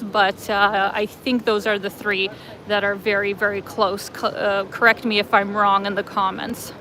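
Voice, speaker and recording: A woman travel vlogger walks outdoors in light rain, chatting casually and reading viewer comments from her livestream chat with lots of fillers. Her medium-pitched voice has a fairly bright tone, though the recording is low-quality. Street noise is clear behind her, with city traffic and passing vehicles.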